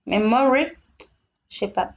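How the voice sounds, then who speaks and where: Woman, live-stream seller, chatty salesy banter, high-ish voice, roomy and muffled recording. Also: a little slow. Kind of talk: live shopping stream pitch. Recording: echoey room, dull lo-fi sound.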